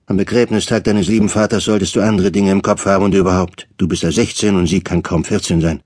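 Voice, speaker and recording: A stern, impatient uncle, read by a male audiobook narrator, lecturing in a quick, clipped way with a low, warm voice. The sound is dry and close. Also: steady tone, no echo. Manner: curt, lecturing. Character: stern middle-aged uncle, cold and impatient. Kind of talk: audiobook character reading.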